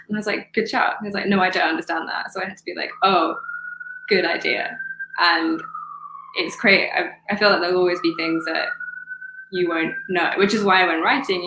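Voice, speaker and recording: A woman's voice: on the low side, gravelly, a little hiss or hum. A woman with a London accent chatting on a panel, acting out little exchanges as she tells a story. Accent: London English. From London, England. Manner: animated storyteller who acts out exchanges. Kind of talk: casual panel chat. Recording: roomy echo.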